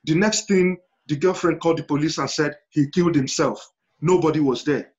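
A man with a Yoruba Nigerian accent and a fairly high voice talks on a panel. He is emphatic, repeating himself and throwing out questions. The video call sounds slightly dull and lo-fi. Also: brisk. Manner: emphatic storytelling with rhetorical questions and repetition. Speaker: panel guest. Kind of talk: impassioned panel discussion. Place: indoor room at home, video call.

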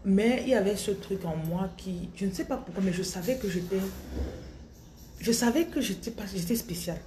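A woman in her thirties from Cameroon with a Cameroonian French accent, giving a slow, thoughtful spiritual talk to her followers into a phone in a small tiled room. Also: mid-range voice, warm tone, a little hiss or hum. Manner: slow and thoughtful, with frequent restarts. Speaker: spiritual coach. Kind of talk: reflective spiritual monologue to followers. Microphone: phone held close at arm's length.

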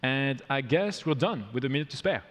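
A man's voice: mid-range voice, expressive, fairly quick, a bit bright, slight background noise. A man in his thirties giving a live coding demo on a conference stage, walking through each step with upbeat energy. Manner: upbeat, walks through steps as he goes. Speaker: product demo presenter. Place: large conference hall, on stage. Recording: long hall reverb.

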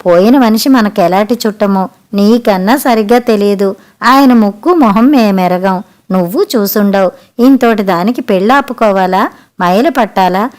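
A woman's voice: mid-range voice, normal speed, darkish tone, close to an everyday voice. A woman reading a story aloud, voicing a middle-aged uncle who protests firmly and with annoyance. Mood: protesting. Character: middle-aged uncle, firm but reasonable.

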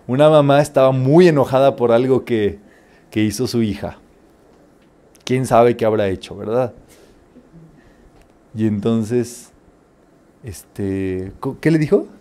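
A man's voice: medium pitch, takes it slowly, pauses often. A man giving a spiritual teaching talk, telling stories and rising emphatically on each numbered step. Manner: lively storytelling, rising emphatically on numbered steps. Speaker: metaphysics teacher.

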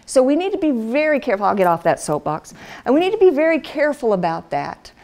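Talking fast in a high, very animated voice with a darkish tone, a middle-aged woman speaks at a women's Bible study. Her church teaching to fellow wives is conversational, chatty, and down-to-earth, with slips into everyday voices.

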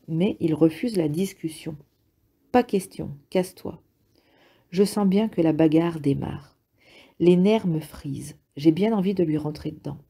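A woman reading a memoir aloud in the first person, calm and measured. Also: low voice, husky. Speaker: reader.

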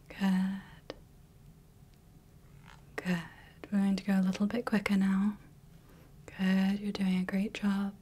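A woman voicing a gentle female clinician in a whispered role-play, softly reassuring as she runs light tests. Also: mid-range voice, slightly rough. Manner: soft, slow, reassuring, checks in often. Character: gentle female clinician testing the viewer's eyes. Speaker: ASMR creator playing a clinician running light tests.

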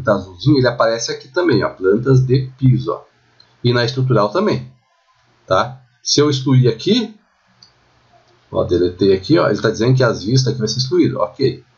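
A man with a Brazilian accent teaching architecture software in a screen-recorded tutorial. He talks in a chatty way and keeps checking in with the viewer. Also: mid-range voice, lo-fi sound. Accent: Brazilian Portuguese.

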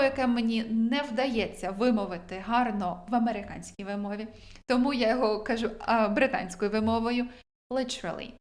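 A young woman who speaks Ukrainian as her first language teaches English words in a relaxed, chatty way, poking fun at her own pronunciation. Her voice sits a little high, and she slows right down whenever she reads an English example. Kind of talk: vocabulary lesson.

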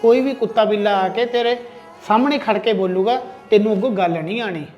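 A man's voice: high voice, a little fast, a little mellow, lo-fi sound, soft background music, lightly acted. A man playing a loyal, protective younger brother-in-law in a family drama, earnest and lecturing. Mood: earnest, advising. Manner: earnest, lecturing, threatening when angered.

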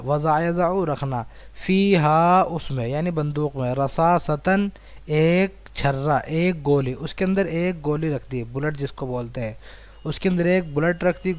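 A man's voice: a little high, a little mellow, no echo. Indian Urdu-speaking man teaching Arabic. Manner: reads an Arabic line, then explains it word by word in Urdu. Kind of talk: recorded online lesson, reading and translating.

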